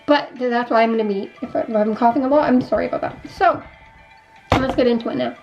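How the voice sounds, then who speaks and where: A young woman with a higher voice talks at a quick pace, chatting about her life as she does her makeup and restarting and repeating her thoughts as she goes. She has a slightly congested, nasal, sick-sounding voice with a sore throat. The audio is dull, and soft music plays in the background.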